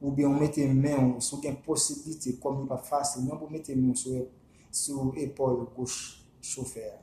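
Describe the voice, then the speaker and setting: A man with a Haitian accent, a vodou practitioner whose first language is Haitian Creole, giving casual spoken instructions in a halting, repetitive way and slowly chanting names. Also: medium pitch, little pitch movement, dark tone, echoey room, slight background noise.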